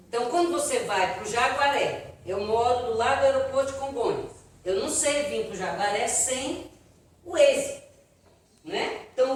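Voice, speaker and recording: A woman with a Brazilian accent, giving a spiritist lecture and answering questions in a chatty, animated way. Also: a little high, recorded from a distance. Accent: Brazilian Portuguese. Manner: chatty, animated storytelling with audience asides. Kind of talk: live lecture Q&A to an audience. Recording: echoey hall, voice from afar, faint noise.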